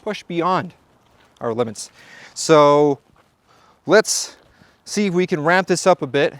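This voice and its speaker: His voice sits a little high and bright, with lively intonation and a slow pace, captured in a dry recording. He's a shooting channel host giving casual, joking vlog narration at the range, speaking to the viewer and occasionally short of breath.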